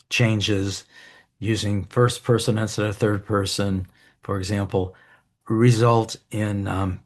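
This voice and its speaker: Low gravelly-voiced man giving a lecture. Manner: relaxed, with frequent ums and restarts. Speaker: keynote speaker. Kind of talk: academic keynote lecture. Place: conference hall.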